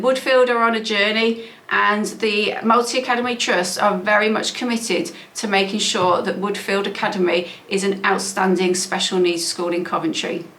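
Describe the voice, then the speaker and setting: A woman's voice: mid-range voice, a bit bright, echoey room. A woman who leads a group of schools gives a prepared address to parents, earnest and reassuring, with frequent fillers. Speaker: trust CEO and head teacher.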